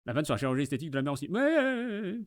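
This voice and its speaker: A man's voice: medium pitch, fairly even intonation, racing. A man with a Québécois accent hosting a watch party, chatting playfully and laughing often. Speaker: host. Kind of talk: casual watch-party commentary.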